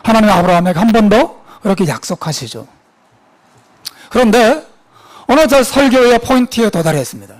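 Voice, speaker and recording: A male pastor preaching a sermon, expressive, with frequent fillers and soft asides. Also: sits high, moderate pace, pauses often.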